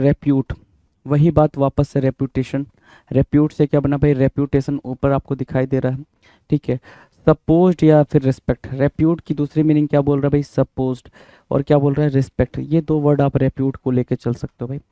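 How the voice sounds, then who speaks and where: Male teacher, very dark and even-toned, dry close sound, repetitive question-and-answer style. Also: a little high, dry recording. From India. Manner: repeats words, spells them out letter by letter; asks the class questions and answers them himself. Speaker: vocabulary teacher. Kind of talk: bilingual classroom explanation.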